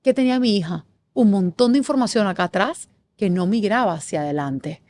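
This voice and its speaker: Expressive woman telling her story. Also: mid-range voice, slight background noise. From Panama. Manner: expressive, animated, lists things in rapid series. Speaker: guest. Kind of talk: emotional storytelling in an interview.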